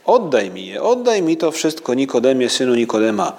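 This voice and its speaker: A man reading aloud the words of Jesus, a calm, earnest male teacher, with gentle, pleading repetition. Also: mid-range voice, fairly quick.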